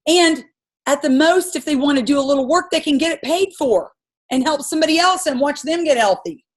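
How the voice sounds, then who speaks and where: A woman's voice: high-pitched, lively intonation, fairly quick. A woman coaching her sales team on a group call, giving an impassioned, rambling pep talk full of stories.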